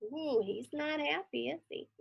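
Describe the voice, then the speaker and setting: Here a storybook reader brings a children's tale to life, her voice sitting high with some vocal fry as she reads slowly. The audio is dull, and she delivers the story expressively with dramatic emphasis and casual asides to the listener.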